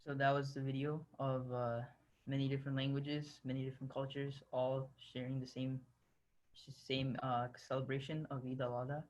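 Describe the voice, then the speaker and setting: A man's voice: mid-range voice, level tone, normal speed, rough recording. A man co-hosting a virtual event, introducing each segment with many fillers. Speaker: event co-host.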